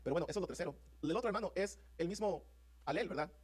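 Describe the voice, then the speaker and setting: Male pastor, rapid-fire fervent sermon delivery, high voice. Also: husky. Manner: fervent, rapid preaching with rising emphatic peaks; addresses congregation as brothers, asks "¿están conmigo?". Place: church sanctuary.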